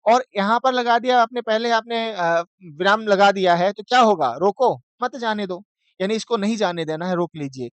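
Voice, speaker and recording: Male lecturer, high crisp voice, dry close sound, quizzing style. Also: fairly bright tone, dry recording. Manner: chants verses slowly, asks and answers own questions. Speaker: teacher. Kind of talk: exam-prep lecture.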